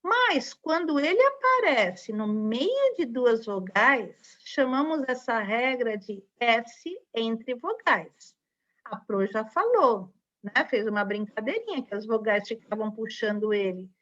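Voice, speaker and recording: Teaching young children in a recorded online class, this woman speaks with a Brazilian Portuguese accent in a fairly high, very animated voice that moves slowly and sounds a bit bright. As a primary school teacher, she breaks words into syllables patiently and often tacks on tag questions. Audio quality is dull and lo-fi.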